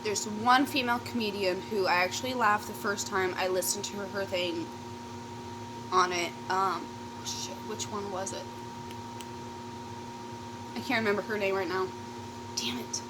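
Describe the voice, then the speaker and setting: Female vlogger, mid-range pitch, informal and sweary, rambling storytime chat with trailing thoughts, clearly noisy recording. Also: moderate pace, long pauses. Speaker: YouTube vlogger. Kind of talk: casual rambling storytime chat while eating.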